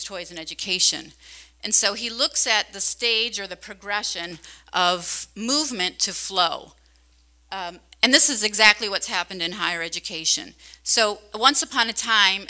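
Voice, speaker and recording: A woman's voice: mid-range voice, pushed and bright. A middle-aged woman giving a conversational conference keynote into a handheld microphone in a large hall, often asking the audience questions. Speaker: keynote speaker.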